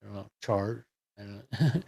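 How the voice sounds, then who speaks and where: A man streaming a game, making relaxed, wry asides between lines. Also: lowish voice, moderate pace, creaky, husky, no room sound. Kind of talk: let's play commentary.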